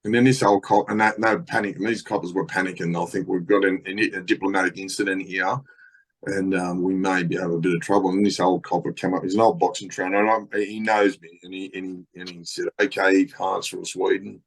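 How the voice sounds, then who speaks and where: A man's voice: low-pitched, little pitch movement, quick pace. A middle-aged Australian man telling stories as a podcast guest, rambling, swearing a lot, with many fillers. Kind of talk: casual storytelling.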